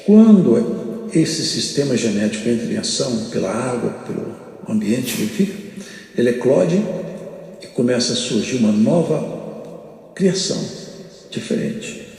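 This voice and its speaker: An older man with a Brazilian Portuguese accent preaching a sermon, emphatic and repetitive, with sudden rises and drawn-out phrases. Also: mid-range voice, big pitch swings, gravelly, mellow. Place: large church hall. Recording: echoey church hall with long reverb.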